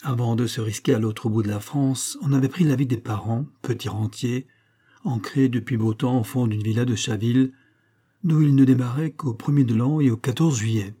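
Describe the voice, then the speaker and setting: A man reading a classic short story aloud in a measured, expressive way. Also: medium pitch, husky. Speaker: audiobook narrator. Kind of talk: literary audiobook reading.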